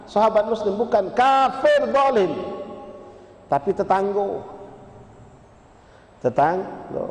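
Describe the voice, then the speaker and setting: A man with a Palembang Malay accent preaching a sermon, telling a story animatedly and acting out its dialogue. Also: fairly high pitch. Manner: animated, acts out dialogue with voice changes. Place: mosque hall. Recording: echoey reverberant mosque hall.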